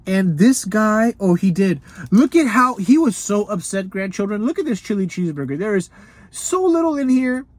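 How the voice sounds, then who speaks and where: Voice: mid-range voice, very animated, moderate pace, a little mellow. A food review show host in a casual, unscripted video, chatty and folksy, often laughing and calling the viewers grandchildren. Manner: chatty and folksy, calls viewers grandchildren, speaks of self in third person; laughs often between remarks. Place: Los Angeles.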